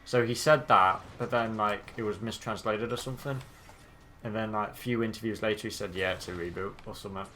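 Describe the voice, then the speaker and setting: A man's voice: on the low side, fairly even intonation, a little fast, bright, forceful tone, slight background noise. A young man hosting casual gameplay commentary, joking and laughing often as he plays. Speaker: gaming channel host.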